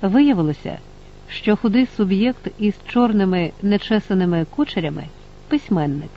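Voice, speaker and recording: A man with a high voice narrates an audiobook in a steady, measured way. The recording is dull and lo-fi, with little crispness.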